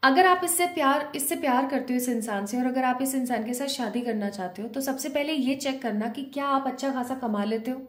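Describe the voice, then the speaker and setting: A woman's voice: sits high, a little fast, hardly any pauses. A woman giving a collective tarot reading, explaining the cards and mixing English phrases into her Hindi as she addresses her viewers. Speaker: tarot card reader. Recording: roomy echo.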